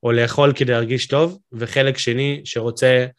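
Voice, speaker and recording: A man's voice: medium pitch, little pitch movement. A man hosting an interview, asking curious, musing questions with frequent fillers. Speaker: podcast host.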